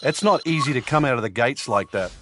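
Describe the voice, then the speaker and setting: A man voicing a golf color analyst in a video game, explaining the course with frequent pauses. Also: mid-range voice, animated, noisy background, natural voice. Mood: calm.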